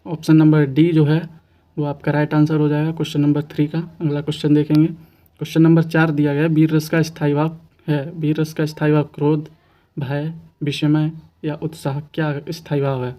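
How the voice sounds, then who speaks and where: Mellow-voiced male exam coach, flat delivery. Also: a little high. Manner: patient, repeats questions and answers, asks rhetorical questions. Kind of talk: explaining quiz answers to students.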